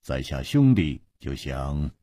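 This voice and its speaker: A man storyteller voicing a humble swordsman who speaks haltingly and formally. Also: a bass voice, darkish tone, husky, no echo, clean studio sound, voice pushed down, full character voice. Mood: deferential. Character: humble, formal male martial-arts swordsman.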